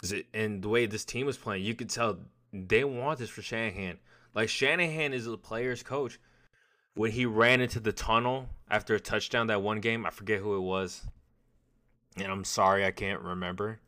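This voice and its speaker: A man talks football on a casual podcast in a lowish, bright, forward voice. He rambles and trips over his phrases, doubling back often. His delivery stays loose and conversational. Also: moderate pace. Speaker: podcast co-host. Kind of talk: casual sports podcast chat.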